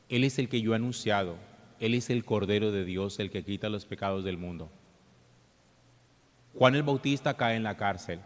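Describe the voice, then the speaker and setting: A man, a priest, reading the Gospel and preaching a homily at Mass in a measured, deliberate way, his voice ringing with a long cathedral-like reverb. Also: fairly low pitch. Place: large church. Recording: long church hall reverb.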